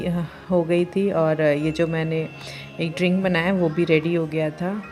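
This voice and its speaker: A woman, a mother of two, narrating her daily routine in a chatty, homely vlog with many filler pauses. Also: lowish voice, darkish tone.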